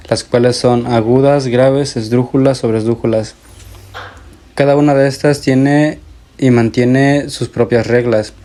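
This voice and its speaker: Man, mellow dark voice, halting school presentation, fillers. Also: medium pitch. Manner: halting, with fillers and self-corrections.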